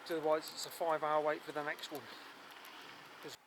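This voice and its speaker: Walking a muddy countryside route through mist, a travel vlogger gives walking-tour commentary and grumbles about the weather. His voice is on the high side, level in tone and brisk, with a noisy background.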